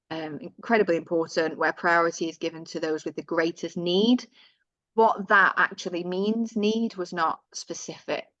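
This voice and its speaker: Her voice low yet fairly bright, a woman walks through survey findings in a webinar, chatting casually and fixing her wording as she goes, with occasional asides. The dry recording from her computer mic on the video call is dull and lo-fi.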